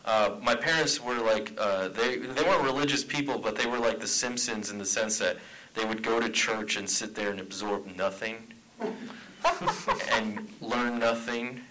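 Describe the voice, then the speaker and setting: Bright-voiced man joking on a panel. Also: medium pitch, expressive, a little slow, poor audio. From Tucson, Arizona. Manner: chatty, joking, laughs often. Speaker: comic writer, panel guest. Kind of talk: panel talk at a convention. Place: convention panel room.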